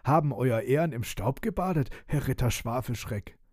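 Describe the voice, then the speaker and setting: A man voicing a rude, mocking male construction worker with a rough voice, in a read-aloud storybook. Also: mid-range voice, expressive, normal speed, darkish tone, dry recording, clean studio sound. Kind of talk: storybook reading.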